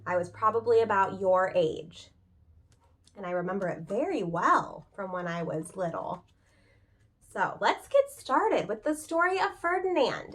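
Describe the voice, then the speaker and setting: A preschool teacher reads a picture book aloud to young children in a high, animated voice. She's expressive and speaks directly to her little listeners, asking them questions.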